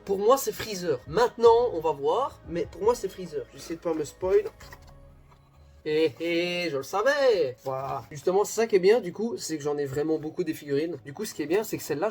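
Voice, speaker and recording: A man's voice: a little high, a little mellow. A man hosting an unboxing video in a casual, chatty way, often joking about himself and talking straight to his viewers. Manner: chatty, self-deprecating, addresses viewers as "guys".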